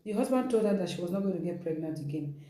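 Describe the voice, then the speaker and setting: She talks fast, her fairly low, warm voice full of expression. As host of an informal storytelling gathering, this woman retells someone's account in a conversational manner, tossing in rhetorical asides, and the sound reverberates through a large room.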